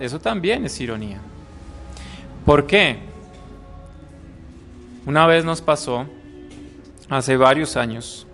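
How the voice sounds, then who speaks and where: Priest teaching catechism. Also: male voice, medium pitch, creaky, fairly bright tone. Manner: conversational, acts out little quoted voices, asks "¿mm?" often. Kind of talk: catechism class talk. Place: room with a live audience.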